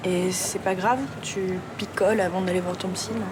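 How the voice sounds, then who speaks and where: A woman's voice: on the low side, steady tone, normal speed, noisy background, close to an everyday voice. An actress playing an upbeat young woman cheering up a friend in a TV soap drama. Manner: encouraging, breezy.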